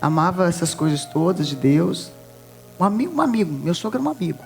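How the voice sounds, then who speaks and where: A Brazilian woman preaching a testimony in church, telling stories in a lively way and acting out the voices of others. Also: fairly low pitch, quick pace, creaky, soft background music. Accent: Brazilian Portuguese. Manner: lively storytelling with laughs, acts out voices. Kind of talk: sermon testimony.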